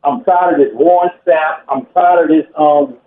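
A man's voice: on the high side, normal speed. A man calling a sports show by phone from just outside a bar, giving emphatic, repetitive, informal opinions. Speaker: phone-in caller. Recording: roomy, noisy, muffled phone line.

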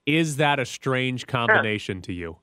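A male sports radio host talks casually and gives his opinions. His voice is mid-pitched, with a close, dry studio sound. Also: expressive, normal speed, sharp tone, smooth, no echo.

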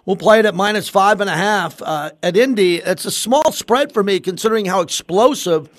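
He's an American sports radio host with a high-pitched voice at normal speed, hammering home emphatic opinions through repeated phrases. The close studio microphone picks up no room sound.

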